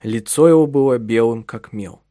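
A man narrating a novel as an audiobook in calm, even storytelling, voicing the husband in his own register. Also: mid-range voice, moderate pace, dry recording, studio quality.

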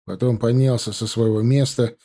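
A male audiobook narrator with a mellow, dark voice, telling a gritty crime story at an even, steady pace. His delivery stays calm between the scenes. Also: mid-range voice, normal speed. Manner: steady storytelling with character quotes.

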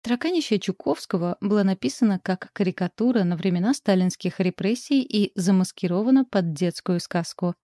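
A woman narrating a literary story in a calm, measured audiobook reading. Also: mid-range voice, no room sound, clean studio sound.

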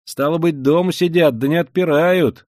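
A man reading an audiobook, voicing an excitable young law student who talks loudly and insistently. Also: on the high side, no room sound, clean studio sound, pitched above the performer's own voice, close to an everyday voice. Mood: eager, urgent. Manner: loud, quick, insistent.

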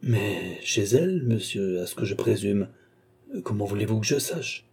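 A man reading the part of a timid, distrustful young gardener who answers in a halting, wary way. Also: mid-range voice, fairly even intonation, mellow, breathy edge, lightly acted. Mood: wary trembling.

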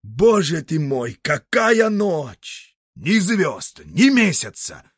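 A man voicing a grumbling old grandfather who digs for treasure and talks to himself in a gruff, exclaiming way. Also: on the high side, huge pitch swings, very slow, no room sound, clean studio sound, pitched above the performer's own voice, exaggerated voice. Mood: frightened.

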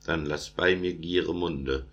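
A man's voice: deep voice, steady tone, measured pace, a bit bright, highs cut off. A man voicing a sly male fox in a storybook, speaking in rhythmic verse.

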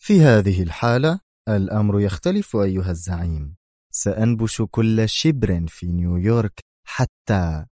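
A man's voice: fairly low pitch, lively intonation, moderate pace, warm tone, dry recording, studio quality, natural voice. A man voicing an indignant, hot-tempered mafia gunman in an audiobook, snapping out his lines. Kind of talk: audiobook character voice.

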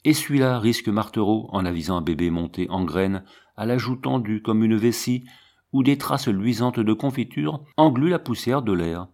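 Homme lisant un roman, voix grave. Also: male voice, lowish voice, expressive, moderate pace, darkish tone. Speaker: audiobook reader. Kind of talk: literary audiobook narration.

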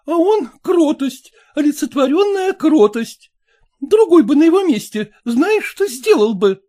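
A man's voice: extremely high pitch, sing-song, unhurried, dark tone, full character voice. A man voicing a scolding, fussy middle-aged mother, reading a story aloud in a nagging tone. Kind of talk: audiobook character voice.

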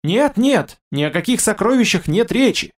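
A man voicing a nervous, scrawny male werewolf in human form who talks in a hurried, frightened way. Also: high voice, expressive, vocal fry, a little mellow, pitched above the performer's own voice. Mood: panicked. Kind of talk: audiobook character voice.

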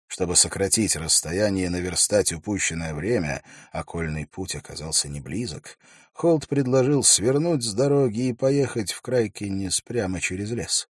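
Deep husky guy reading an audiobook, steady storytelling, dry close sound. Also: moderate pace, no echo. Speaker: audiobook narrator. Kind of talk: scripted audiobook narration.

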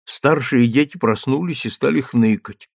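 A man narrates an audiobook in a steady, measured voice. His mid-range tone is gravelly, and the close-mic recording is dry. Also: mid-range voice, no echo. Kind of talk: scripted narration.

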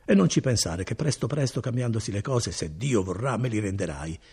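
A man's voice: fairly quick, slightly rough, exaggerated voice. A man voicing a good-hearted, talkative male cousin and foreman in an audiobook reading. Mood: generous. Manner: chatty and animated, swinging between high and low.

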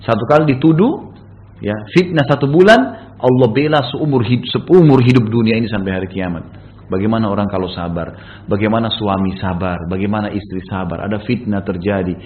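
A man delivering a storytelling sermon at a rapid clip. He keeps turning to his listeners with rhetorical tag questions. The recording is muffled and lo-fi. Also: lowish voice, slight background noise. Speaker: preacher.

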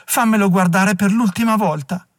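A poor, grief-stricken mother pleads and wails in a high, strained voice, as a man narrating an audiobook puts her on. The tone rises well above his own. The recording is close and dry. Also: very animated, moderate pace, dry recording. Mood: pleading. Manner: wailing, pleading.

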